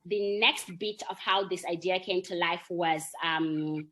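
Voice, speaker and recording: A woman's voice: lowish voice, fairly even intonation, a little slow, a bit bright. A young adult woman from Zimbabwe, answering interview questions in an earnest, reflective way and checking in with the listener as she goes. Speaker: marketer and employee network founder.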